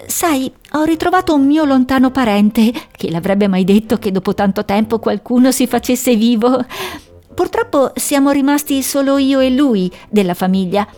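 A woman voicing a young female owl who is cheerful and caring, talking in a bright, reassuring way. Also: high-pitched, moderate pace, natural voice. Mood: warm. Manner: bright, reassuring, a little anxious underneath.

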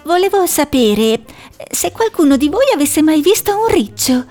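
A woman voicing a nervous young female owl who talks high and flustered. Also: sing-song, moderate pace, darkish tone, soft background music.

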